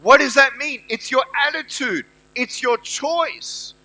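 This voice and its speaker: A man's voice: very high voice, animated, takes it slowly, bright, forceful tone, poor audio. A middle-aged man giving a motivational speech to students at a university event. He talks emphatically and repeats his key phrases. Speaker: motivational speaker.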